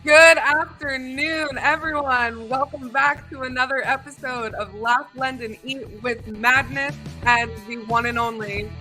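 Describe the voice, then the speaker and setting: A woman's voice: a little high, steady tone, moderate pace, few pauses, sharp tone. A young woman co-hosting a casual podcast over a video call, chatty and sarcastic. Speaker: co-host. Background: faint music.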